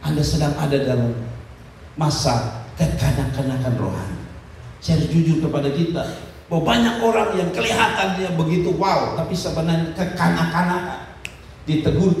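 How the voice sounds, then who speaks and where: A man's voice: sits high, slight background noise. A man from Indonesia, preaching a sermon in a direct, scolding way, repeating phrases and calling out to the congregation. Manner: calls out to the congregation with "saudara" and "amin". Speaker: pastor. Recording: echoey hall recorded from far off, faint ambience.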